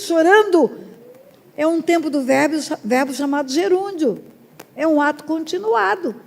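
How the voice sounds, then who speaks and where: A woman pastor preaching a sermon with emphatic loud rises and drawn-out words. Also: high-pitched, gravelly. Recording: long reverb of a large hall.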